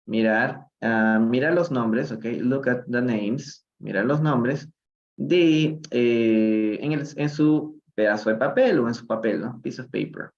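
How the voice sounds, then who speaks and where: A man's voice: medium pitch, muffled recording. A man with a Peruvian accent teaching English in a live-streamed reading lesson, explaining phrases in Spanish and often checking in with "¿no?". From Peru. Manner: explains slowly, switching between English and Spanish, often asking "¿no?".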